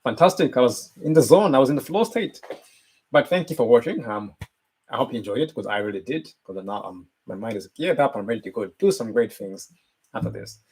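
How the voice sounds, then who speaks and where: A man's voice: medium pitch, a little fast, breathy edge, low-quality recording. A man hosting a live motivational stream, talking earnestly and repeating his key points. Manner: earnest, repetitive, lively shifts in loudness. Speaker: motivational channel host.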